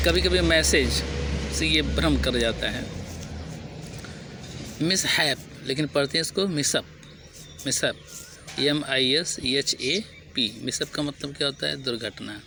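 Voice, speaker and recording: A man with an Indian accent teaching English pronunciation, repeating each word slowly, spelling it out letter by letter, and asking and answering his own questions. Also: medium pitch, background noise. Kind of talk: spoken vocabulary lesson.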